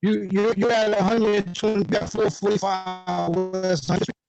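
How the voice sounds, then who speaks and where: A man's voice: high-pitched, little pitch movement, moderate pace, vocal fry, lo-fi sound, music in the background. A man speaking up at a public meeting over a remote call with a choppy, breaking-up connection, pressing a pointed question. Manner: repeats a pointed question insistently. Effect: choppy bad call connection. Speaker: community board member on a remote meeting call. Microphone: remote call audio. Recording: noisy choppy call line.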